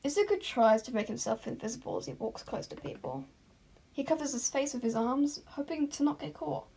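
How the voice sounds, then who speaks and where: High, very animated, and brisk, this woman's voice is gravelly yet a little mellow, captured in poor audio with slight background noise. She narrates fan fiction in an amateur, self-conscious way, frequently stumbling, redoing lines, and adding asides.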